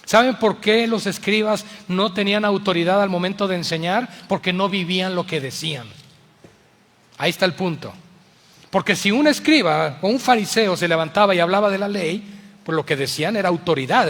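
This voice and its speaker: A male pastor with a Mexican accent preaches an impassioned sermon, moving between loud appeals and hushed words. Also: high-pitched, a little fast, long reverb tail.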